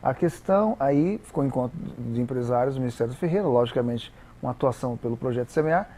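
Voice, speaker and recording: A Brazilian man with a Brazilian Portuguese accent, a guest explaining English pronunciation in a didactic, halting way with many repeated words. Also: medium pitch, animated, warm tone. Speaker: interview guest, English teacher. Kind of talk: explanatory interview talk.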